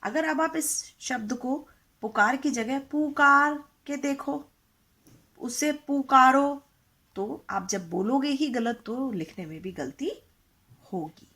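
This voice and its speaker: Female teacher for young kids, slow and patient, sings up and down through her words, slightly husky. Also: on the high side, animated. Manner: patient, asks questions and repeats words for practice. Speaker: Hindi teacher.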